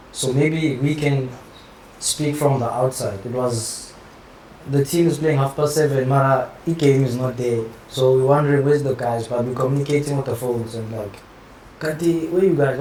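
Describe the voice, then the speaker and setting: Man, South African accent, footballer, casual, relaxed, roomy echo, faint noise. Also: medium pitch. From Johannesburg, South Africa. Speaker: football player. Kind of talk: casual chat.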